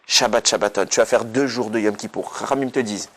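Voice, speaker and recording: This rabbi's weekly Torah talk comes in a fairly low, steady male voice at a brisk clip. The sermon is fervent and emphatic, sometimes approaching a shout, with Hebrew terms scattered through his everyday wording.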